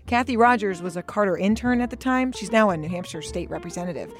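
A woman's voice: mid-range voice, fast, faint music behind. Wry woman narrating a documentary podcast. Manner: conversational, wry and lively. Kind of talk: scripted narration.

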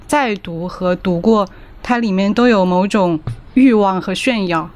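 A woman's voice: mid-range voice, unhurried, a little mellow. A woman co-hosting a book podcast, chatting in a playful, self-mocking way. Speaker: podcast co-host. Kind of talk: casual podcast chat.

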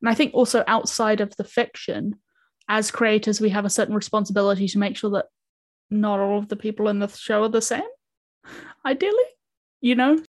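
A woman from New Zealand talks in a lively, casual way, with an accent that mixes New Zealand and English. She laughs often and swears in passing while she chats about making her podcast. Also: mid-range voice, fairly quick. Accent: mixed New Zealand and English. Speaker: podcast co-creator and writer. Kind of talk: casual chat.

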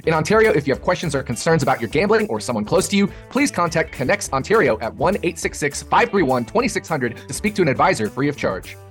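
A man reading scripted advertising fine print as a rapid legal disclaimer. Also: on the high side, very animated, soft background music.

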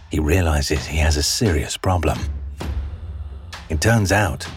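A man giving scripted, dramatic documentary narration in a measured storytelling manner. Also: deep voice.

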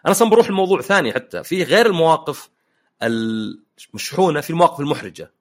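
Quick, lively man. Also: fairly high pitch. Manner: anecdotal, joking storyteller. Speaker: podcast host. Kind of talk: casual podcast chat.

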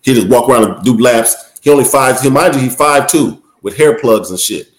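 A man who once played pro basketball tells stories in a loose, profane, animated way and laughs often. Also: mid-range voice, brisk. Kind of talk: casual storytelling. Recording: roomy echo.

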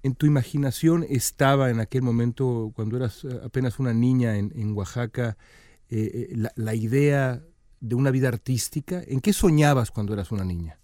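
Mellow-voiced male interviewer. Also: mid-range voice, dry recording, clean studio sound. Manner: measured, reflective, stumbling on restarts. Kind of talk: interview host questions.

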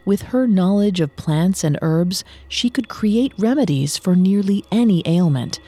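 A woman hosting and narrating from a script in a measured storytelling delivery. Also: mid-range voice, expressive, mellow, no echo. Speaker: host and narrator.

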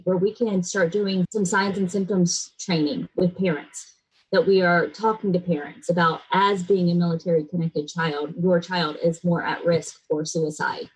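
A middle-aged woman from the United States, raised in a military family abroad and in Florida, gives a serious conversational interview in an earnest, blunt and emphatic manner. Her lowish voice is a little mellow with a breathy edge, heard on a rough recording.

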